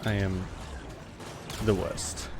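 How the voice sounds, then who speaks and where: A man doing casual live-stream game commentary in a halting, rambling way, swearing offhand. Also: sits low, flat delivery. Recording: clearly noisy home stream recording. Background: background noise, cat scratching at door.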